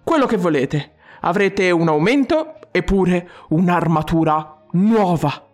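A boisterous, bossy boss who rules his themed restaurant as its king, as an audiobook narrator puts him on. He talks in loud, booming exclamations and swings his voice low for emphasis. Soft music plays faintly behind. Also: lively intonation, takes it slowly. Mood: expansive.

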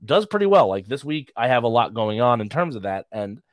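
A man's voice: medium pitch, sing-song, fairly quick, no room sound. A man, a comedian, chatting casually on a podcast with a mid-range voice. He rambles through self-deprecating stories and laughs at his own punchlines. The sound is dry and close. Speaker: comedian guest.

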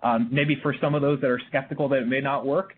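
A man's voice: medium pitch, steady tone, fast talker. Hesitant man on a phone line. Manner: hesitant, many fillers and restarts. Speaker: guest. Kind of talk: conversational interview. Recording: phone-like line with faint hiss.

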